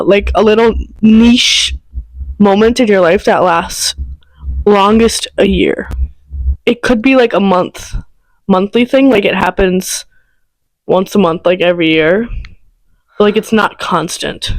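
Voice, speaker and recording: A woman's voice: medium pitch, no room sound, poor audio. A nineteen-year-old woman co-hosting a podcast, casual and offhand with a dry sense of humor. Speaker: podcast co-host. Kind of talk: casual chat.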